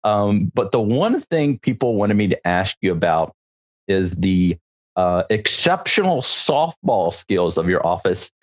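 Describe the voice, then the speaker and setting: Male interview host, slightly low pitch, easygoing and informal. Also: sing-song, a little slow. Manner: friendly, informal questioning. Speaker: podcast host. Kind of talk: casual interview.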